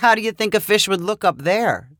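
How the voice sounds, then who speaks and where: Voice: mid-range voice, very animated, normal speed, a bit bright, no echo. A storyteller voicing a dry, unimpressed woman lawyer who talks in a wry, mildly teasing way. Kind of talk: storybook reading.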